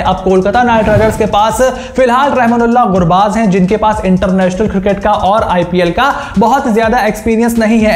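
A man's voice: high voice, roomy sound. A young man hosting his own channel, confidently giving cricket auction predictions straight to camera, gesturing as he explains. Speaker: cricket analyst and channel host. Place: indoor room with stone-tile wall. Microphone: camera framed waist-up.

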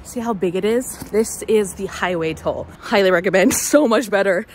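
A woman's voice: medium pitch, moderate pace, over music. Bubbly young woman chatting to camera. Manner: chatty and bubbly, heavy use of "like". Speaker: travel vlogger. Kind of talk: casual vlog chat to camera.

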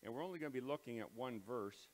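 A man leading morning devotions as pastor, speaking in a plain, halting way with many ums and uhs, his voice ringing with big hall echo in a large empty auditorium. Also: mid-range voice, expressive. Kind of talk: casual devotional talk and prayer. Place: large empty auditorium under renovation, bare floors.

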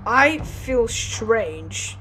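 Menacing robot shopkeeper god guy read by a woman, high and slow, game music behind. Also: sing-song, pushed and bright, a little hiss or hum, exaggerated voice.

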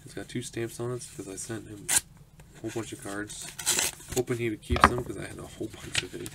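A man's voice: lowish voice, steady tone, brisk, gravelly. A man in his twenties, chatty and upbeat, opening his mail for a home vlog, laughing often and saying um a lot. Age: 20s. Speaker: autograph collecting channel host. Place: small home room, indoors. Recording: noisy home recording.

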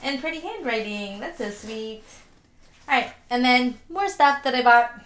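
A woman's voice: a little high, expressive, measured pace, a bit bright. A young woman with a stuffy nose from allergies, chatting upbeat through a casual haul video at home. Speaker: vlogger. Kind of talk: casual unboxing haul vlog. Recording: echoey room.

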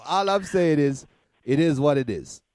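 A man hosting a radio interview, speaking in a relaxed, unhurried way. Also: a little high. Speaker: radio host.

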